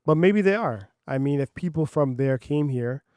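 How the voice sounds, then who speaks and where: A man's voice: fairly high pitch, lively intonation, moderate pace, darkish tone, no room sound. A man co-hosting a casual chat, emphatic and opinionated, a parent of a young child. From Canada. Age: adult parent of a young child. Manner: opinionated, emphatic, spells words out. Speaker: podcast co-host.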